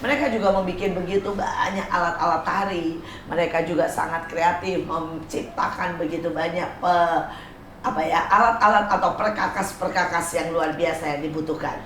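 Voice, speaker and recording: A woman's voice: fairly low pitch, fairly even intonation, moderate pace, echoey room, a little hiss or hum. A woman hosting a casual interview show in a garden, chatty and teasing, asking many questions. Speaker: host. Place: outdoor garden.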